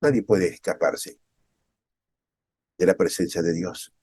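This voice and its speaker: Man preaching with lively quoted voices. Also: sits low, slow, slightly rough, no echo, studio quality. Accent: Peruvian Spanish. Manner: animated, often acts out quoted speakers in a raised voice; asks the listeners many rhetorical questions. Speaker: pastor. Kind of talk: sermon.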